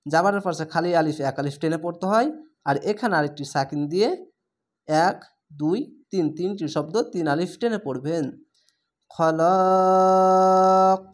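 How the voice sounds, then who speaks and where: Patient man spelling out syllables slowly. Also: on the high side, a little mellow. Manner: spells out syllables one by one, stretching the vowels; patient, repeats each instruction. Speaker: reading teacher. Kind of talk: spelled-out reading lesson.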